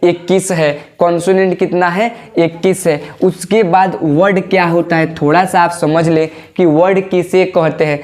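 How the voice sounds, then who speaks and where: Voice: mid-range voice, steady tone, normal speed, hardly any pauses, darkish tone. An English teacher giving an online lesson, who keeps asking questions, answers them, repeats key points and calls the viewers "babu". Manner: drills pronunciation aloud.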